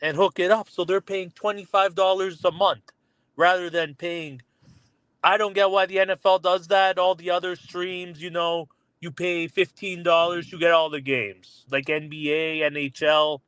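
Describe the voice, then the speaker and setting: A male caller rambles through his points in an easygoing way, often adding "you know". His voice runs a bit high, close and dry on the line. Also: flat delivery, normal speed, a bit bright, clean tone, no room sound. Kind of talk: casual call-in chat.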